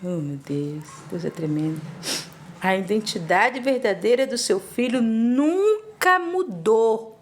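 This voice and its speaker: A woman's voice: on the high side, lively intonation, slow pace, a little hiss or hum. A woman with a Brazilian Portuguese accent giving an informal devotional talk, conversational and repetitive, speaking to the listener as a friend.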